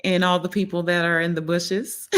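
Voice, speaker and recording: A holistic health coach hosts a relaxed live stream in a smooth, medium-pitched voice. The delivery is earnest and encouraging, peppered with "you know" fillers, and key phrases are repeated for emphasis.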